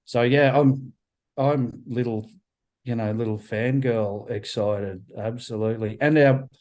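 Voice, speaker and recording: A man's voice: mid-range voice, fairly even intonation, measured pace, darkish tone, low-quality recording. A man talking casually about his band over a video call, enthusiastic, repeating words and using many fillers. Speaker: band member guest.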